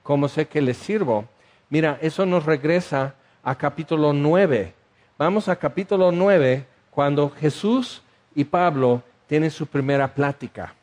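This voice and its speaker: Animated preacher, man. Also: on the high side, unhurried. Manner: animated, asks the audience questions, acts out scenes. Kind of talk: sermon.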